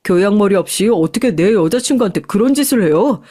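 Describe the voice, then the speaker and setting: A woman's voice: mid-range voice, lively intonation, a little fast, warm tone, slightly rough. A woman voicing an earnest young boyfriend who talks urgently. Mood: angry. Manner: pleading then firm. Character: apologetic young man, the boyfriend.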